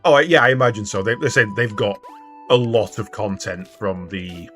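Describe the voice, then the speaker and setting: A man's voice: lowish voice, moderate pace, fairly bright tone. Casual male game streamer over music. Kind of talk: casual live gameplay commentary.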